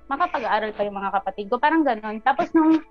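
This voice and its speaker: A woman guest recounting her personal story in an interview, earnest and animated, often trailing off with fillers. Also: fairly high pitch, fast. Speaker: guest, business owner. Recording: muffled sound with faint music.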